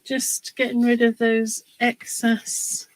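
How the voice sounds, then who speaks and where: A woman's voice: a little high, completely flat delivery, rough recording. A woman chatting to viewers in a live crafting demonstration, talking as she works. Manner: chatty and unhurried, talks while working.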